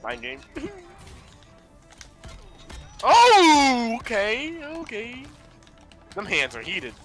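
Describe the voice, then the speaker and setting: A young man streaming a fighting game match, excitable and laughing, swearing and trash-talking his opponent. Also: extremely high pitch, very slow, soft background music. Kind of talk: casual live gameplay banter.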